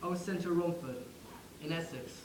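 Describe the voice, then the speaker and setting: Man voicing a young soldier's ghost, wry, chatty, a bit high, echoey room, noisy background. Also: moderate pace, natural voice. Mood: wistful. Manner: wry, conversational, addresses the listener directly. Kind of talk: theatrical monologue.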